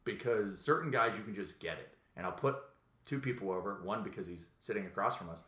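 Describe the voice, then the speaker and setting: A man's voice: lowish voice, lively intonation, a little fast, a bit bright, roomy sound. A man hosting a podcast in casual chat, telling rambling, profane stories with quoted voices. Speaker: podcast host.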